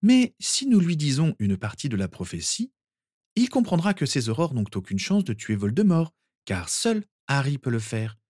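A woman's voice: very deep voice, big pitch swings, normal speed, a little mellow, no echo, clean studio sound, pitched above the performer's own voice, full character voice. A man reading a fan story aloud, voicing a clever, determined young witch in an earnest, decisive way. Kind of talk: audiobook character reading.

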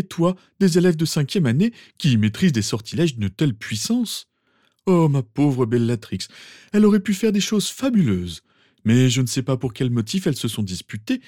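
A man voicing a pompous, sentimental old male wizard professor, with theatrical, drawn-out exclamations. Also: mid-range voice, warm tone, dry recording, studio quality. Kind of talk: fan audiobook reading.

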